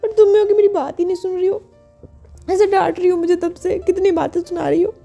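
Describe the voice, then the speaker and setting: A woman's voice: high voice, fairly even intonation, brisk, mellow, soft background music, lightly acted. A woman voicing a young college woman who is hurt and tearful, pleading and reproachful.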